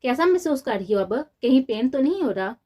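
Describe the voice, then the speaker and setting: A woman's voice: sits high, big pitch swings, fairly quick, warm tone, voice pushed up. A woman reading the lines of a young male police officer in an audio novel, speaking in an earnest, soothing way. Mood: gentle.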